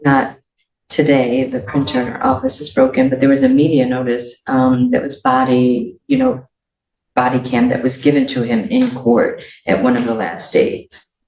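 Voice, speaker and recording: A woman's voice: rumbling low, sing-song, moderate pace, creaky, a little mellow. A woman speaking as a prosecutor, explaining things informally and hesitantly in court. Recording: echoey, distant, muffled courtroom audio.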